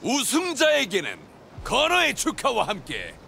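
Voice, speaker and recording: Boisterous video game gang leader: gravelly, high, wildly swinging pitch, faint background noise. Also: male voice, huge pitch swings, unhurried, exaggerated voice. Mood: boisterous, proclaiming. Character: boisterous male gang leader announcing contest results.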